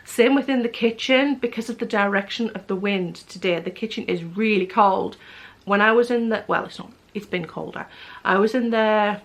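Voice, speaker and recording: A woman's voice: mid-range voice, moderate pace. A woman vlogger chatting casually to camera, rambling with many fillers and restarts. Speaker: knitting vlogger.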